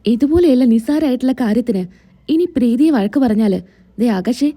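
A stern, caring elder sister voiced by a woman storyteller, earnest and scolding, fairly high with a mellow, dark tone. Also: animated, a little fast.

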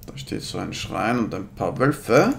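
A man's voice: fairly low pitch, lively intonation, measured pace, vocal fry, slight background noise. A man in his thirties commenting casually on a game in slangy, laid-back talk, slightly slurred by new braces. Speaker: let's player.

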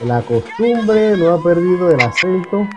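A man's voice: high-pitched, expressive, measured pace, mellow, lo-fi sound, faint music behind. A man with a Peruvian accent from Lima, hosting a TV interview in a conversational tone and ending his questions with a prompt. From Peru.

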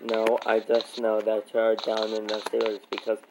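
A woman's voice: very deep voice, completely flat delivery, moderate pace, noisy background. A woman chatting casually while playing an online game, teasing and playfully bossy. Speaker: gamer. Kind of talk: casual gaming chat.

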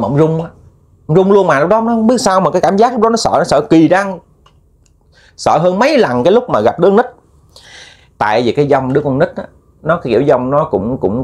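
A man's voice: medium pitch, a little mellow. A man with a Southern Vietnamese accent telling a ghost story in a chatty, repetitive way, addressing listeners as family. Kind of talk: casual spoken storytelling.

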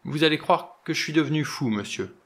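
A man's voice: mid-range voice, lively intonation, unhurried, a bit bright. A man doing a frightened old butler. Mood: anxious pleading. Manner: deferential, anxious, pleading. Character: shaken elderly male butler, deferential.

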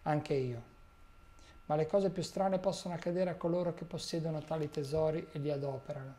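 A man's voice: a little high, brisk, dark tone, lightly acted. A man reading as an old male wizard who gives earnest warnings in a grave tone.

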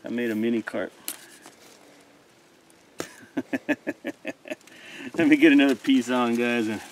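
A man in his thirties hosting an outdoor fishing vlog from a small boat, talking to viewers as guys with excited exclamations and laughs. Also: medium pitch, slow, slight background noise. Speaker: fishing channel host. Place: small boat on a muddy river among reeds, outdoors.

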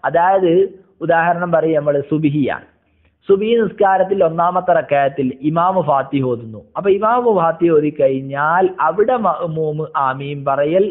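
A man teaching a religious lesson, reading out a text phrase by phrase and explaining each part. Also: high voice. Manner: reads a phrase aloud, then explains it in steady teacherly tones. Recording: tinny phone-like sound.

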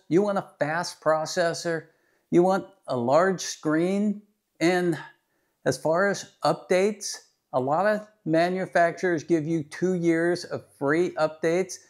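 This is a garage channel host in his fifties, a DIY mechanic, walking through scan tools at home in a relaxed product demo. He explains plainly and practically without hurrying. His voice is on the high side, steady and a little mellow.

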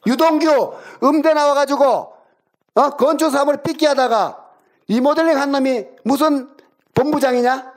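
A man's voice: very high voice, moderate pace. A middle-aged man in a heated phone argument with his younger brother, hurling insults and taunting questions. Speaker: older brother.

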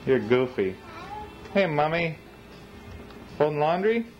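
A man's voice: a little high, big pitch swings, slow pace. A man filming his family, asking a toddler playful, coaxing questions in casual chat, heard through a camcorder mic. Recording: muffled noisy 1990s camcorder audio.

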